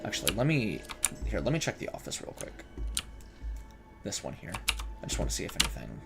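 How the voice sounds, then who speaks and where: Loud music plays behind a man whose low voice swings hugely in pitch as he talks a little fast. He's streaming a horror game, joking around, jittery about scares and retorting to the characters, while background noise and keyboard clicks and typing come through clearly.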